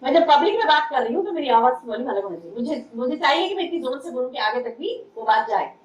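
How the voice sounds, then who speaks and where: A woman's voice: sits high, sing-song, fast talker. A woman religious teacher giving a conversational sermon-style lecture, repeating key phrases for emphasis. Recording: echoey room, distant mic.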